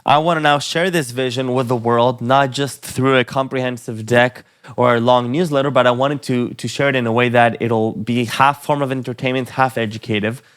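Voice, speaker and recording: A man's voice: medium pitch, steady tone, moderate pace, a bit bright, clean tone. A man hosting a podcast, reading a scripted introduction and then asking his guest questions conversationally. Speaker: podcast host.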